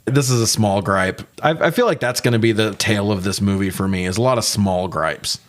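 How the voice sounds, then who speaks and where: Brisk and on the low side, a man's voice carries a casual movie review podcast he co-hosts. He complains animatedly and swears a lot.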